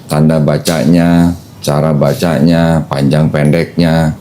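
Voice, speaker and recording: A man's voice: extremely low pitch, level tone, slow, warm tone, a little hiss or hum. A man hosting a casual podcast chat, patiently explaining things step by step to a new convert. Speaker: host explaining Islam to a convert.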